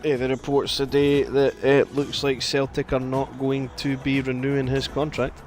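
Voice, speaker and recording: Male streamer, rambling casual commentary, middle pitch, faint music under. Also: monotone, moderate pace. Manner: chatty, rambling, reacts loudly to play. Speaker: gaming streamer.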